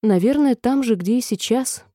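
A woman's voice: on the high side, moderate pace, dark tone, no echo, studio quality, voice pushed up, lightly acted. A woman voicing a polite, curious little girl in a storybook reading, speaking earnestly and asking questions.

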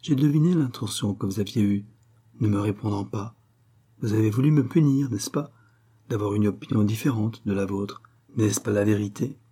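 A man's voice: lowish voice, moderate pace, mellow, husky. A man reading an audiobook voices an earnest young woman, a devoted fiancée who talks in a pleading, insistent way.

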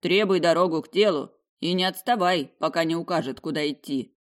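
A woman's voice: on the low side, a little fast, close to an everyday voice. Old bearded centaur, male, firm and encouraging, read by a woman. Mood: advising.

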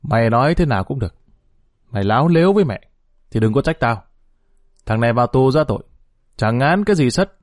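A man's voice: mid-range voice, expressive, fairly quick, pauses often, no room sound, clean studio sound, lightly acted. A man voicing a down-and-out ex-convict who threatens his family in a growling, bitter way in a dramatized story reading. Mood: menacing.

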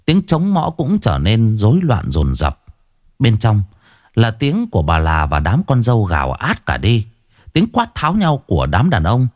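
Male ghost story narrator, low voice, lively rising and falling delivery, dry close sound. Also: dry recording. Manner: dramatic, expressive reading.

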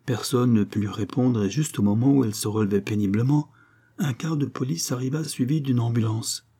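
A man reading a crime novel aloud in a measured, even narration. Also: mid-range voice, husky. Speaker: audiobook narrator.

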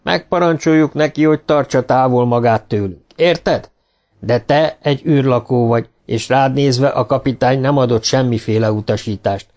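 A man voicing a burly, swaggering spaceship sailor in an audiobook, gruff and mocking. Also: medium pitch, darkish tone, lightly acted. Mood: threatening.

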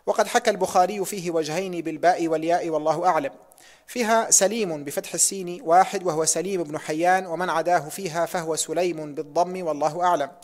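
A man's voice: on the high side, fairly even intonation, quick pace. A man reading a hadith text aloud in a lesson, careful and precise, closing sections with pious formulas.

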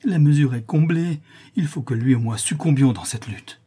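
A man's voice: mid-range voice, fairly quick, dark tone, husky. A man voicing a despairing old male porter who is easily upset, in a read-aloud novel. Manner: dramatic, wailing complaints.

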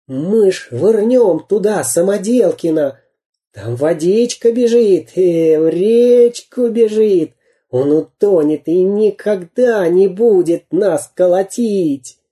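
A narrator voicing a sneaky storybook spy who eggs on the fight in a shrill, high voice. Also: expressive, slow pace, mellow. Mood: scheming. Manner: shrill, egging others on. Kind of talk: audiobook character voice.

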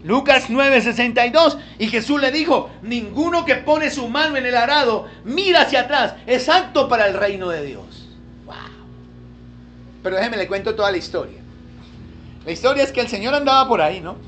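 A male pastor preaching a sermon to his congregation, swinging between quiet asides and loud, emphatic pleas full of rhetorical questions. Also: very high-pitched, animated, moderate pace. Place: church service with a congregation.

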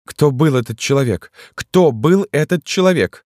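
A frightened, bewildered young woman , as a male reader plays her, pitched far above his own voice. She speaks in halting, distressed phrases. The reading is dry and close-miked. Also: a little mellow, no echo, close to an everyday voice.

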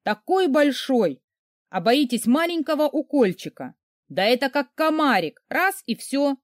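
A woman voicing a brisk, calm woman pediatrician who coaxes a grown patient like a child. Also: high-pitched, no echo, studio quality, voice pushed up. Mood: coaxing. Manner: soothing, coaxing as if to a child.

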